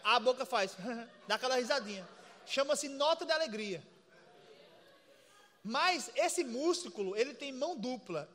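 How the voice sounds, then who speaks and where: A man preaching a lively sermon, animated and playful, demonstrating on people and mimicking laughter. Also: extremely high pitch, measured pace, long pauses, long reverb tail.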